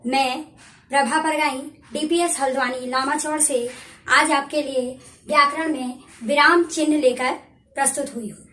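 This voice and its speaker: A woman's voice: high voice, steady tone, normal speed, sharp tone. A woman teacher records a grammar lesson in a roomy space, with her voice bouncing off the walls. She explains patiently and repeats each point, often answering her own questions. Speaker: school teacher. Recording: echoey room.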